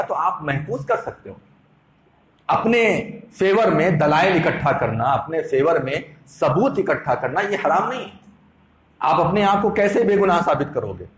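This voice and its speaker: A man with a fairly bright, high-leaning voice delivers an Islamic sermon with Quran quotations in an echoey room. He preaches emphatically and didactically, repeating phrases for effect.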